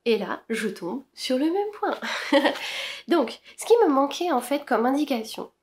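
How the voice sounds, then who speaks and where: A woman's voice: sits high, animated, measured pace, a little hiss or hum. Chatty woman knitting vlogger. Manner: chatty, hesitant, many fillers. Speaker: knitting podcaster. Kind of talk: casual knitting chat to camera. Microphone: camera-mounted shotgun mic.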